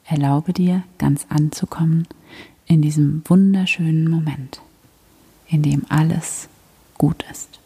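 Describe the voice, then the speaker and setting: A woman guiding a prayer meditation in a soft, breathy whisper, gentle and soothing. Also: deep voice, steady tone, slow pace.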